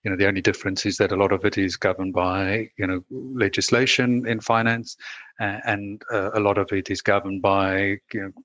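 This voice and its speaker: A man with a South African accent, a managing director appearing as a guest, talks things through in a casual conversational interview. His voice is lowish, steady and a bit bright, and he speaks briskly but thoughtfully, with lots of "you know," fillers and restarts. The lo-fi recording has no room sound.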